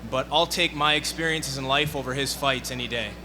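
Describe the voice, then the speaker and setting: A man's voice: mid-range voice, fairly even intonation, a little fast. A man answering assertively as a fighter at a press conference. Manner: assertive, forceful wording. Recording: noisy press conference room.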